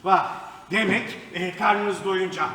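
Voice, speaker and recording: A man on stage playing a flustered psychiatrist who keeps calming unruly patients in a stage comedy. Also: high-pitched, slow, exaggerated voice. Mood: patronizing. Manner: soothing, exasperated repetition. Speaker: stage actor. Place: theatre stage. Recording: echoey hall, mic far off, noise.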